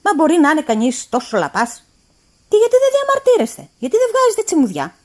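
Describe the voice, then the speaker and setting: Lady doing a bossy stingy boss man, loud and preachy, voice jumping all over. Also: on the high side, sing-song. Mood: exasperated. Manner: loud, pointed, lecturing. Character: stingy, mocking male employer, middle-aged.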